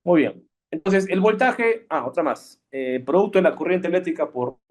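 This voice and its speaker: An electricity teacher with a high, expressive voice gives a casual classroom lecture at a moderate pace. He's chatty and keeps checking in with his listeners, tossing out "¿sí?" and "¿no?" again and again.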